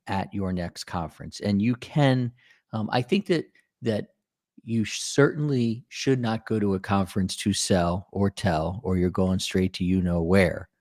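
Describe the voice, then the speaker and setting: A man's voice: deep voice, darkish tone, dry recording, clean studio sound. A male podcast host from the Maryland area, chatting casually and joking, with lots of fillers. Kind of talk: casual interview talk.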